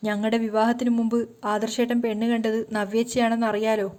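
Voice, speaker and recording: A woman's voice: fairly high pitch, a little mellow, lightly acted. A woman voicing a hurt, tearful young married woman who pleads and scolds.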